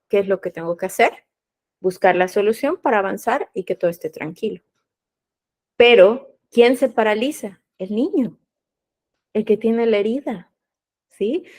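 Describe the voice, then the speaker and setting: A woman hosts a podcast interview, explaining her points in a didactic way and posing rhetorical questions that she then answers herself. Her voice is medium-pitched and darkish, at normal speed.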